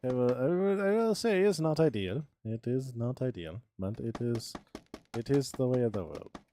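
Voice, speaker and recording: Slight background noise sits under a man's mid-range, dark-toned voice, which has lively intonation and a moderate pace. In his thirties, he live-streams a building game with casual commentary, talking to himself and viewers, humming fillers, and repeating words as he builds.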